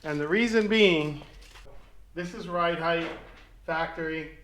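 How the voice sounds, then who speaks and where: A man doing a casual vlog from his garage workshop, relaxed and explaining his fabrication work step by step. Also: fairly high pitch, slow, a little hiss or hum. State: out of breath at times. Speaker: metal fabricator. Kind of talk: casual shop vlog talk.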